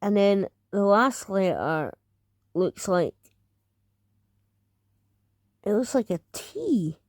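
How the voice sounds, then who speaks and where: A Scottish woman from Edinburgh chats casually as she reacts to a video, rambling with plenty of fillers and restarts. Her medium-pitched voice is lively in intonation, very slow and darkish in tone. The studio-quality recording has no echo.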